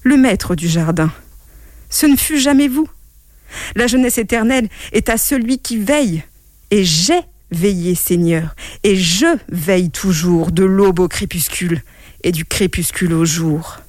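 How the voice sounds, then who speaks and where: A woman voicing a devoted, gentle male royal gardener who speaks softly. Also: fairly low pitch, animated, unhurried, no room sound, studio quality. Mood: solemn. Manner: soft, tender speech.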